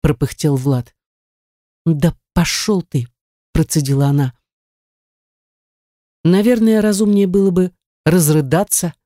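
A woman with a low-pitched voice narrates an audiobook in a steady, measured way. The sound is clean studio quality with no echo.

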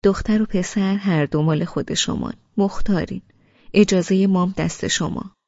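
A woman voicing a playful older matriarch who jokes with warmth and mischief. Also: mid-range voice, gravelly, dry recording, highs cut off. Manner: playful, joking.

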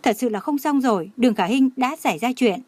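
A woman's voice: a little high, expressive, a little fast, a little mellow, no room sound. A woman voicing an anxious young female assistant in an audio novel, urgent and worried.

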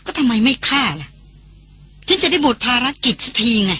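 Woman doing a cold mocking young lady, bright husky voice, cool and unbothered, audiobook. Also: high-pitched, sing-song, normal speed, full character voice.

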